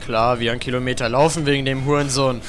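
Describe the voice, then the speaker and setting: A man's voice: medium pitch, steady tone, fast talker, a bit bright, a little hiss or hum. A young man commenting on a video game he is playing, crude and jokey, trash-talking the characters on screen. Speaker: let's play gamer.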